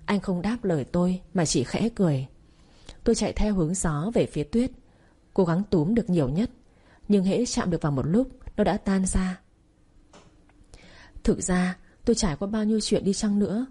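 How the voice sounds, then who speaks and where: A woman narrating a first-person story in a soft, slow, wistful way. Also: medium pitch, breathy edge. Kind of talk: scripted narration. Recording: faint music behind.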